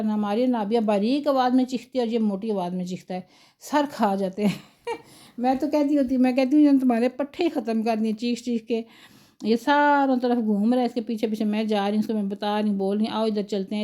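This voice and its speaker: A woman's voice: fairly high pitch, mellow. A middle-aged woman vlogger chatting casually, telling rambling stories over her own footage. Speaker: home-cooking vlogger.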